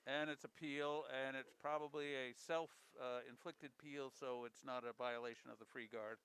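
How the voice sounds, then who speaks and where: A man's voice: medium pitch, steady tone, normal speed, a bit bright, a little hiss or hum. A man giving casual, chatty live curling commentary, with folksy jokes and repeated calls.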